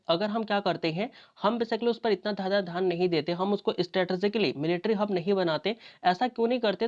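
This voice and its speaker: A woman's voice: mid-range voice, a little mellow. A woman teaching an exam-prep lecture, talking conversationally and asking and answering her own questions. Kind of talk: explanatory lecture. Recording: dull lo-fi audio.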